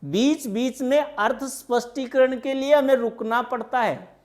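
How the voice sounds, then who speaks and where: Slow, deliberate woman teaching grammar. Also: sits high, a little mellow. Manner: deliberate, asks the class rhetorical questions. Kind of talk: grammar lesson.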